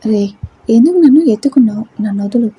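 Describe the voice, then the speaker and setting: Netra, a fiery jealous young wife, scolding, pointed questions, very husky breathy voice, mellow dark tone, as a woman storyteller puts her on. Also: fairly high pitch, expressive, fast, poor audio. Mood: furious.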